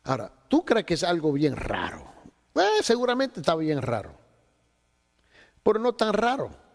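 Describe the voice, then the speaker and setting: Animated male theology lecturer, reverberant hall. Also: high-pitched, moderate pace. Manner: animated storytelling, acts out dialogue, mixes in English words. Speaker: theology instructor. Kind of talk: storytelling lecture to pastors.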